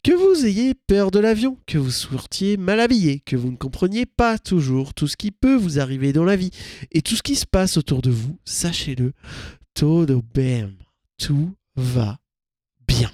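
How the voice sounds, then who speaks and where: Lively, chatty radio host. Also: mid-range voice, moderate pace, dry recording, clean studio sound. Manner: chatty, self-mocking, playful asides. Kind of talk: casual radio show outro.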